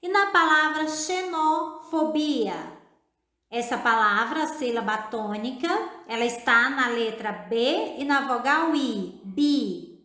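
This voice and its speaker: A Brazilian woman teacher with a Brazilian Portuguese accent, giving a recorded video lesson for children, speaking slowly and deliberately, spelling out syllables and often addressing the child directly. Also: high voice, sharp tone. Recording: echoey room.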